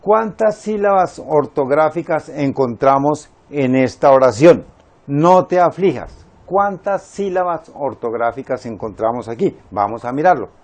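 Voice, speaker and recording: A man teaching a Spanish grammar lesson, explaining syllables slowly and counting them out step by step. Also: a little high, animated, a little mellow.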